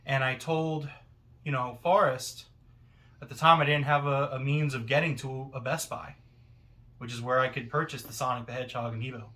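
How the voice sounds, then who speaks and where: A man delivering a self-important, accusatory wrestling promo monologue, with deliberate pauses and rhetorical questions. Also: mid-range voice, steady tone, pushed and bright.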